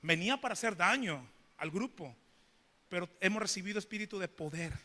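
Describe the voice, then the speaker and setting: Brief: preacher, high and bright voice, echoing church hall. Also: male voice, a little fast. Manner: questions the congregation, animated preaching. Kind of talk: sermon with storytelling.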